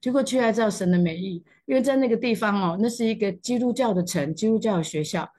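Middle-aged taiwanese woman, husky breathy voice, telling her faith testimony all emotional, voice jumps up high. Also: fast talker, mellow. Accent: Taiwanese Mandarin. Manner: emotional storytelling, voice jumping up at moving moments. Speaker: church testimony speaker.

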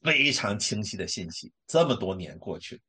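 Husky guy telling his faith story, voice swings up and down a lot, lots of fillers. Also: fairly low pitch, normal speed. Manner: emotional, animated storytelling with many fillers. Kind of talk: personal testimony talk.

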